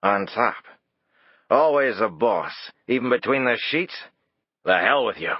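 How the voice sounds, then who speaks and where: A man voicing a drunk, bitter middle-aged man who slurs his words roughly. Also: sits low, a little slow, no echo, lo-fi sound. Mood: taunting. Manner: slurred, rough.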